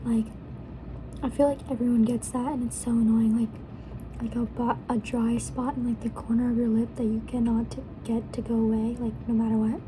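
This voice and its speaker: A young woman rambling softly in ASMR style while mukbang eating, talking between bites and slipping into whispers. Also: a little high, little pitch movement, moderate pace. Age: young adult. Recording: clear background noise.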